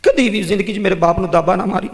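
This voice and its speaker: A man's voice: high voice, racing, in a large hall. A man with a Pakistani Punjabi accent voicing a devoted youngest son who speaks earnestly in a sermon story.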